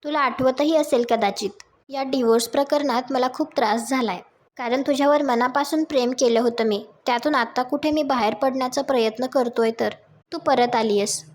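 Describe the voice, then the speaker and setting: A woman reading out the lines of a hurt young man who doubts his ex-wife, in her own high voice. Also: steady tone, normal speed.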